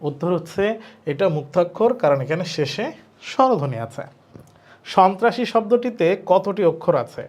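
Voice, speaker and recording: Male admission-prep teacher, fairly high voice, step-by-step lecturer. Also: animated, moderate pace, darkish tone. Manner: explains step by step, asks and answers his own questions. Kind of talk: classroom lecture.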